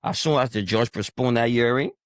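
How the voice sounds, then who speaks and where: A man's voice: mid-range voice, a little fast, no room sound. A man, born and raised in Liberia, speaking assertively in a casual podcast discussion. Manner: assertive, firm agreement. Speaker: podcast panelist.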